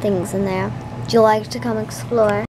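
A woman's voice: mid-range voice, steady tone, normal speed, natural voice. A young girl voicing a creepy, rambling grown man who brags about the phantoms he keeps. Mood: boastful. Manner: rambling, bragging. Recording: noisy room recording.

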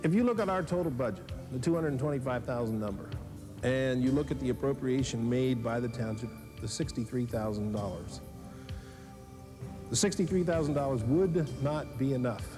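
An American man with a medium-pitched voice explains things in a documentary interview. Music plays clearly behind him. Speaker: fire company spokesman.

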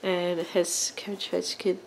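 A woman speaking slowly and a little low, talking through a vintage doll in a loose show-and-tell way. She hesitates often, filling gaps with ums and uhs, and coughs now and then. Faint room ambience sits behind her voice at home. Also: little pitch movement, gravelly, a little hiss or hum, rough recording. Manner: hesitant, many ums and uhs, halting phrasing; occasional coughs. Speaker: doll collector channel host. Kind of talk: casual show-and-tell narration. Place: indoors at home, on a sofa.

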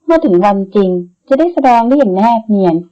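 A woman voicing a bossy, blunt young woman who leads her friends, speaking briskly in an audiobook. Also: mid-range voice, lively intonation, mellow, lo-fi sound, close to an everyday voice. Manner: brisk and commanding. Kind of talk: audiobook character reading.

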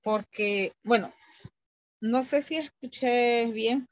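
A woman's voice: on the high side, slow, no room sound. A woman student answering in an online class, hesitant and unsure of herself. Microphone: video call. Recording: dull, lo-fi video call audio.

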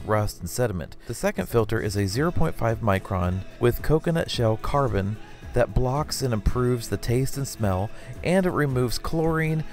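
A man's voice: mid-range voice, a little mellow. Man reading a product voice-over. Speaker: narrator explaining a product. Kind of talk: scripted voice-over narration.

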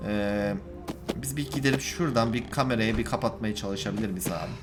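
A man giving casual let's-play commentary, talking to viewers and swinging from calm remarks to exasperated shouting at the game. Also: lowish voice, fairly quick, over music. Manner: addresses viewers directly. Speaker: gaming YouTuber.

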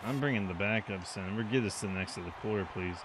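A man commenting out loud on his own football video game, reacting excitedly to each play. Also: on the low side, fast talker, music in the background. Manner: excitable, reacting to plays aloud. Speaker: gaming channel host.

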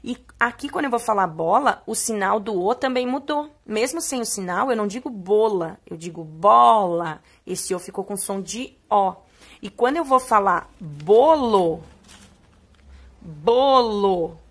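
Reading a poem aloud to young children and explaining its words, a young adult teacher with a Brazilian Portuguese accent stretches key words slowly in a sing-song manner. Her voice is a little high and a bit bright.

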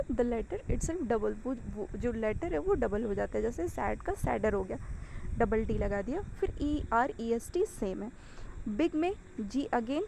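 A woman's voice: a little high, mellow, a little hiss or hum, low-quality recording. Patient Indian woman teaching grammar. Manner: explains step by step, asks questions and answers them herself; slows down for English rule statements. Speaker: English teacher. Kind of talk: explaining grammar rules in Hindi and English.

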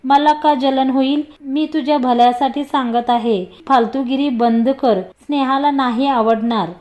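A woman voicing an irritated, quick-tempered young woman. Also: high-pitched, fairly even intonation, a little mellow. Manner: snappish, annoyed.

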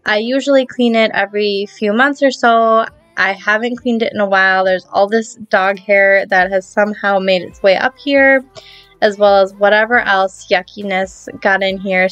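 Woman in her 30s doing a casual voice-over for her cleaning vlog, chatty and friendly, laughs a little, soft music behind. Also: mid-range voice, no room sound, lo-fi sound. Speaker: cleaning vlogger.

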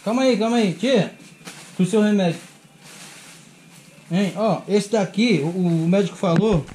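A high-pitched man filming a casual prank vlog. He coaxes and teases in a joking, laughing voice, with a faint hum of noise in the background. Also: unhurried, dark tone. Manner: teasing, laughing, coaxing. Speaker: vlogger.

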